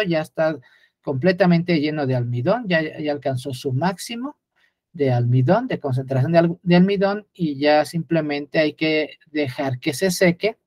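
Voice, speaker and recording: A man's voice: fairly high pitch, a little mellow, no room sound, studio quality. A man gives an unscripted lecture, often hesitating with fillers and restarts while pointing things out on a chart.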